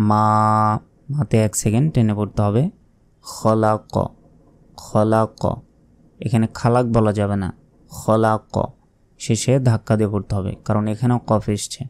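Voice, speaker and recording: Man, Bangladeshi Bengali accent, Quran recitation lesson, warm and dark tone, slow drawn-out chanting of verses. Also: lowish voice. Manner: explains pronunciation, then chants verses slowly and drawn out.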